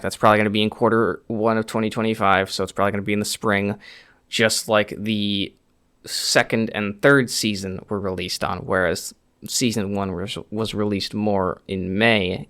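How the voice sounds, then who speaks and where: Male video host, lowish voice, chatty and rambling, mouth a bit slurred as if sore from dental work. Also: fairly bright tone, smooth. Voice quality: slightly slurred speech after wisdom tooth removal. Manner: rambling, conversational. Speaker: YouTube host giving TV show news. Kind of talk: unscripted news update to camera.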